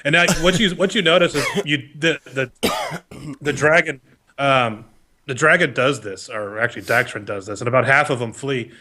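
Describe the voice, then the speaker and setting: A man running a tabletop game as game master, improvising narration in a halting, conversational way. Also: medium pitch, bright, forceful tone.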